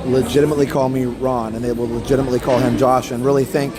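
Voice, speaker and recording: A man's voice: mid-range voice, flat delivery, fast talker, music in the background. A man hosting a live stream, chatting casually with viewers in an easygoing, conversational way from a busy public station. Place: busy public theme park transit station. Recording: loud busy crowd behind the voice.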